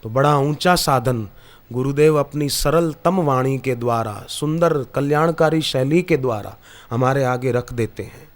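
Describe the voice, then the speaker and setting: A man's voice: medium pitch, a little slow. A man preaching a spiritual discourse to an audience, telling scripture stories with emphatic rises and quoted verses. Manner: storytelling with scriptural quotes, rising emphatic delivery. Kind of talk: Hindi satsang discourse. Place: discourse hall before an audience.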